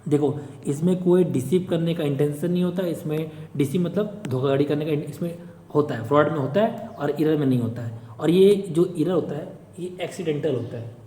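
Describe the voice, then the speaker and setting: A man tutors for a government exam in an informal screen-share lecture, explaining step by step with frequent checks and everyday examples. His voice is on the high side, warm, and a little fast, recorded in an echoey room with long reverb.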